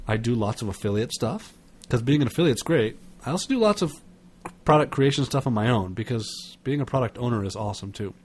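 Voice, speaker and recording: A man hosting a webinar while sick, his voice stuffed-up and nasal, talking in a halting way with many restarts. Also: medium pitch, slightly rough. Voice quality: congested, nasal. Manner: halting, repeats words while searching for them. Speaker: webinar host. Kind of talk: casual webinar introduction.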